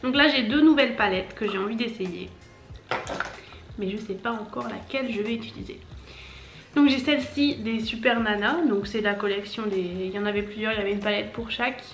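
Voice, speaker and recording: A woman's voice: mid-range voice, a little fast. A woman in her twenties, a makeup vlogger chatting casually and explaining each step as she goes. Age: 20s. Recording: echoey room, faint background music.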